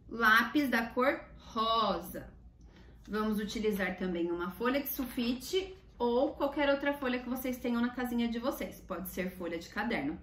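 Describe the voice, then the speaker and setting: A woman with a Brazilian accent teaches children a craft in the style of a kids' show host, using simple child-directed speech. Her voice is a little high and fairly bright, recorded in an echoey room on a distant mic with faint noise.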